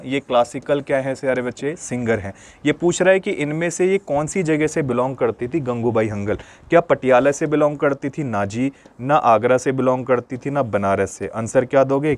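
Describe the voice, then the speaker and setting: A man's voice: mid-range voice, a little mellow. Male teacher, exam-prep lesson, asks then answers own questions, repetitive memory tricks. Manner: quizzes pupils with questions, then answers them himself; memory tricks, repeats key words.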